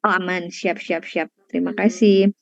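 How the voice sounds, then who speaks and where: A woman's voice: fairly low pitch, steady tone, moderate pace, vocal fry, no echo. Conversational woman giving an online talk. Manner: conversational, addresses listeners as friends, slips in English words. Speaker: parenting counselor and speaker. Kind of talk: online parenting lecture. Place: indoors at home during a power cut. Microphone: video call. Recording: dull, lo-fi video-call audio.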